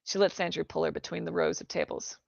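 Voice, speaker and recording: A woman reading a novel aloud as a storyteller, in an even, unhurried way. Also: low-pitched, vocal fry, dry recording. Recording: dry, dull lo-fi recording.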